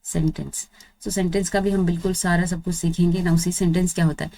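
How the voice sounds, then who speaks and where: A woman's voice: on the low side, fairly even intonation, a little fast, warm tone. A woman teaching basic spoken English, explaining step by step and checking in with "right?" and "okay?", mixing English phrases into her talk. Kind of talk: Hinglish spoken English lesson.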